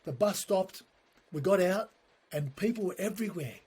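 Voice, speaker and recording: A man, a podcast guest telling stories in a lively, animated way and acting out the dialogue. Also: high-pitched, normal speed, husky. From born in Turkey, raised in Australia. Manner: animated storyteller who acts out dialogue. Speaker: guest, comedy writer. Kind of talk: casual podcast conversation.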